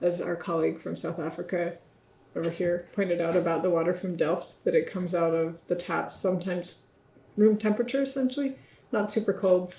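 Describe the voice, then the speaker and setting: A woman's voice: lowish voice, steady tone, moderate pace, warm tone, a little hiss or hum. A middle-aged woman leading a workshop discussion, summarizing points and inviting comments from participants. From United States. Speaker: workshop facilitator. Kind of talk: moderating a group discussion. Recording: echoey room.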